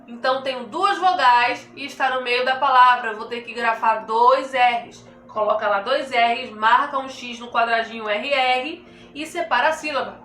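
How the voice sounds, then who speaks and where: A high, bright woman's voice, teaching children over a recording. She drags key words out slowly and keeps checking that the pupils follow. The sound is roomy, with faint music behind her. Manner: slow, drawn-out emphasis on key words. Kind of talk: remote grammar lesson for children. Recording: echoey room with faint music.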